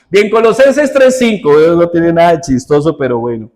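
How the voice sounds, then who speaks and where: A male pastor preaches in a somewhat high voice. He talks to the congregation conversationally, full of rhetorical questions, and jumps from loud, stressed phrases to quiet, intimate asides. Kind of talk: sermon.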